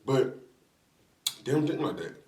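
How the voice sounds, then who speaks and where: A man's voice: mid-range voice, big pitch swings, unhurried, mellow, a little hiss or hum. A man chatting casually and slangily to viewers as he eats fried chicken during a mukbang. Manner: eating fried chicken while talking; colloquial, slangy, addresses viewers as y'all. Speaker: mukbang vlogger. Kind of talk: casual chat to viewers while eating. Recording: roomy echo, distant from the mic.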